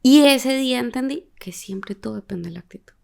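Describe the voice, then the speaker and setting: A woman in a casual podcast chat, telling stories with animated, laughing energy and acting out the people she quotes. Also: a little high, a little fast, vocal fry.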